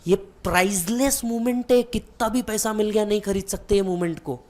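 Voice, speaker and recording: A man's voice: high-pitched, normal speed. A man who teaches exam students, telling a vivid motivational story and speaking directly to the listener.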